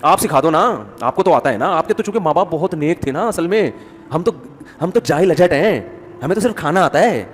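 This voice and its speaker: A preacher doing a sarcastic daughter-in-law. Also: male voice, a little high, lively intonation, long reverb tail, a little hiss or hum, close to an everyday voice. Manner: mocking, sarcastic. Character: sarcastic young wife answering back.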